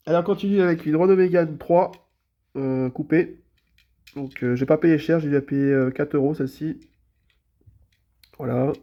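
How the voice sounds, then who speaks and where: A man's voice: fairly high pitch, muffled recording. A man with a cold and a blocked nose, chatting casually and hesitantly as he shows his toy car collection in a vlog. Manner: easygoing, chatty, full of hesitations and repeated fillers. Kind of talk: casual show-and-tell vlog.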